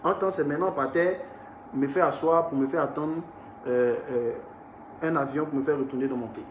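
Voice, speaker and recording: A young man telling his viewers about an incident. He talks in an animated way and swings between hushed and raised speech. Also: on the high side, moderate pace. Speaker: artist recounting an incident. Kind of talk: storytelling to viewers. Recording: echoey room with faint ambient noise.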